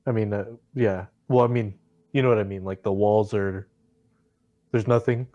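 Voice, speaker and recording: A man's voice: lowish voice, fairly even intonation, normal speed, dark tone, lo-fi sound. A man taking part in a tabletop game, asking questions in a hesitant, rambling way. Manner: hesitant, filler-heavy. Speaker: player. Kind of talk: casual chat.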